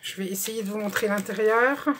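A woman's voice: mid-range voice, steady tone, fairly quick, fairly bright tone. A woman chatting casually through a craft shopping haul, showing items one by one with lots of fillers. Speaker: craft vlogger. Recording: faint background noise with clicks.

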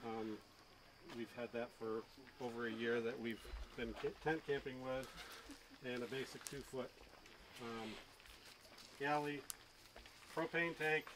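A man's voice: medium pitch, steady tone, unhurried, pauses often, noisy background. A man casually describing his camper setup outdoors, hesitant with frequent ums. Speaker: trailer owner. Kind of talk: casual chat. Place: outdoor wooded campground.

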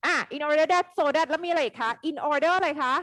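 A woman teaching an English grammar lesson live online, quizzing her students in a lively way. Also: high-pitched, brisk, dry recording.

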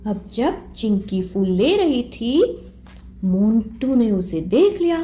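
A woman narrating a puppet story for children in an expressive, sing-song way. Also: on the high side, takes it slowly. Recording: roomy echo.

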